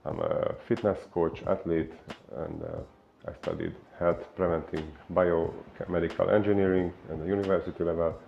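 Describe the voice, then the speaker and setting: A man from Hungary with a Hungarian accent, a fitness coach giving an unhurried explainer talk full of filler pauses. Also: low voice, lively intonation, gravelly, narrow, tinny audio, slight background noise.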